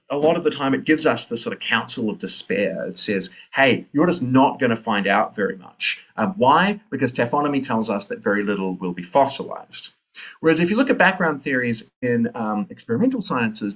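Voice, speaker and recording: A man's voice: mid-range voice, fairly bright tone. A man with a New Zealand accent giving an academic lecture, thinking aloud with many fillers and tag questions.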